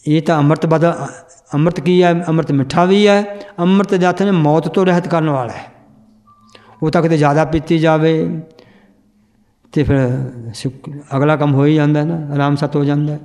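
A man teaching scripture, explaining verses and correcting a student's pronunciation, chanting the lines slowly. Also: a little high, steady tone, darkish tone. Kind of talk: religious teaching and pronunciation drill.

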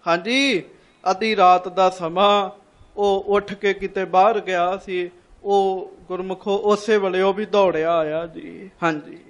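A man's voice: high voice, steady tone, unhurried. A man preaching a sermon, retelling a story with repeated lines and questions to the congregation, and calling on them to respond.

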